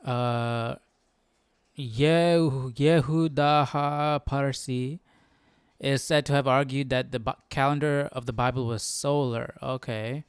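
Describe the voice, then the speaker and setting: A man hosts a Bible study livestream, thinking aloud to himself in an informal, inquisitive way and reading passages and articles aloud as he goes. His smooth, clean voice is on the low side and steady, delivered slowly, recorded close and dry with no echo.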